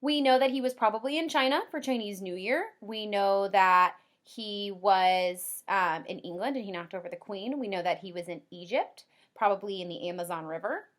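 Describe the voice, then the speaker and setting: Reading to young children with lots of expression, this kindergarten teacher uses a mid-range voice and stretches words out for emphasis. Along the way she explains things simply and checks their understanding with questions.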